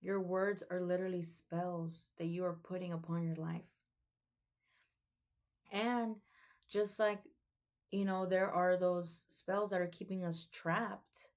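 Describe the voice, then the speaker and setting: A woman's voice: on the low side, level tone, takes it slowly, pauses often. A young woman giving an earnest, preachy motivational talk in a casual way, often saying "like" and "um.". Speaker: vlogger.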